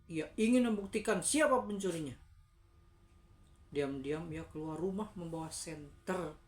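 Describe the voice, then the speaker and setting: Low-voiced woman telling a spooky story. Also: measured pace, darkish tone. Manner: dramatic, playful, stops to explain words simply. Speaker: storyteller reading to a young child. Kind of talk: reading a horror story aloud with asides to a child.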